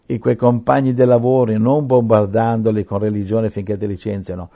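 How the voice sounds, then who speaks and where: A man preaching a sermon, emphatic, swinging between loud rhetorical questions and quiet asides. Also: on the low side, little pitch movement, a little fast.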